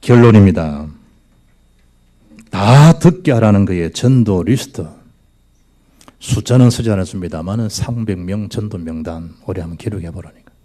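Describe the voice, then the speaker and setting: A male pastor delivers a sermon in a church sanctuary. His voice is mellow and dark, and his pitch rises and falls widely as he swings from loud exclamations down to hushed near-whispers. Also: animated, normal speed, pauses often.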